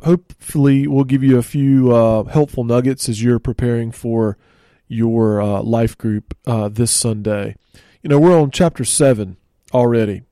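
A man hosting a church podcast, speaking in a relaxed, conversational way with frequent fillers, recorded in a studio. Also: mid-range voice, no echo. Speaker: church ministry host. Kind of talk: casual church podcast teaching.

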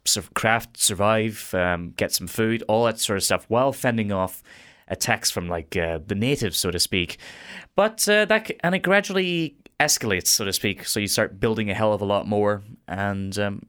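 A man's voice: fairly low pitch, fairly bright tone, clear, resonant tone. A man co-hosting a radio show, teasing and upbeat in casual chat. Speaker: radio co-host.

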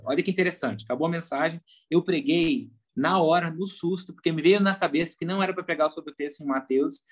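A man with a Brazilian Portuguese accent, a pastor chatting casually on a podcast and telling lively stories. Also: on the high side, fast talker. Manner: animated storyteller, acts out quoted voices.

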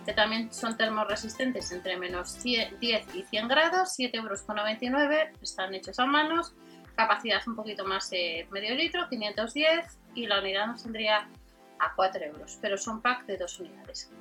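A woman's voice: mid-range voice, lively intonation, normal speed, bright, forceful tone, faint music behind. A woman with an accent from Spain doing an informal product rundown as a channel host, reading out specs and prices item by item. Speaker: host of a shopping video channel.

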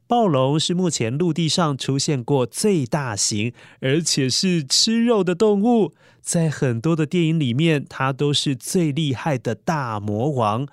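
Animated male children's storyteller, highish voice. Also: a little slow, few pauses, no echo, studio quality. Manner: playful, animated, asks the young listener questions. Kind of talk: children's story narration and quiz.

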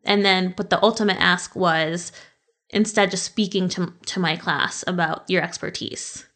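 A woman's voice: on the low side, fairly even intonation, normal speed, fairly bright tone. A woman hosting a podcast, chatting casually about con artists, laughing often and swearing now and then. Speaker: podcast host.

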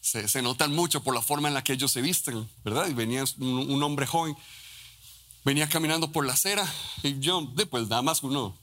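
A Costa Rican pastor preaching a sermon in a fervent way, often restarting and adding tag questions. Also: male voice, medium pitch, a little fast, pushed and bright. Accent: Costa Rican Spanish. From Costa Rica.

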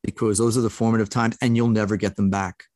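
A man's voice: fairly low pitch, little pitch movement, fast, a little mellow, dry recording, studio quality. A middle-aged man sharing a heartfelt personal story as a podcast guest, earnest and emotional, laughing often.

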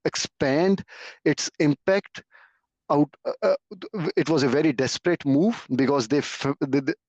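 A man speaking as a panelist in a casual political discussion, haltingly and repeating his words. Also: on the high side, darkish tone, no echo. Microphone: online audio call. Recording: dry, slightly muffled online call audio.

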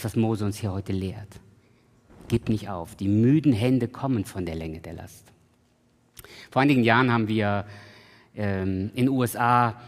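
Male preacher, sermon, lively pitch, booming then hushed, slow repeated refrain, long hall echo. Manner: swings from loud emphatic peaks to soft, quiet pleading; repeats a refrain slowly and deliberately.

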